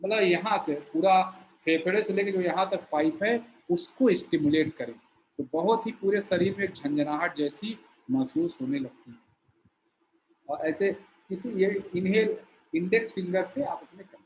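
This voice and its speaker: A man teaching a yoga breathing exercise, explaining slowly while he shows each step. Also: high-pitched, slight background noise, rough recording. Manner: slow, explanatory, shows movements while talking.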